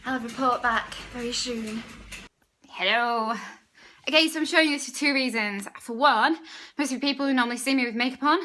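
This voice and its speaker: A woman's voice: fairly high pitch, fairly quick, sharp tone, a little hiss or hum. A young woman, a fitness instructor, talking casually through a workout vlog, upbeat and chatty, at times out of breath.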